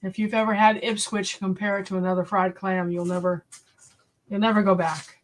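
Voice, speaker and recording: A woman's voice: mid-range voice, flat delivery, moderate pace, slight background noise. A woman from New England hosting a casual live stream, chatting with viewers and reading recipe lists aloud from an old cookbook. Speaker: homestead channel host.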